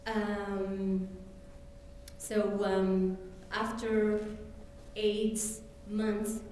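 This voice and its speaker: Giving personal testimony, an Ethiopian woman, a native Amharic speaker, halts repeatedly with fillers and restarts. Her mid-range voice is level and darkish. Recorded in a very echoey event hall on a distant mic, with slight background noise.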